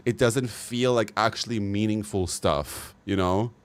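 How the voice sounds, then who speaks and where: A man streams live, his fairly low voice smooth and a little slow. Swearing casually, he reacts bluntly to gaming news and shares strong opinions in laid-back commentary.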